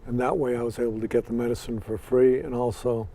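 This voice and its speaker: Answering an interviewer quickly and dryly, a man in his sixties uses a medium-pitched, dark voice with little pitch movement. His accent is American, yet he was born in Scotland and raised in Ireland and Los Angeles, and there's a bit of background noise.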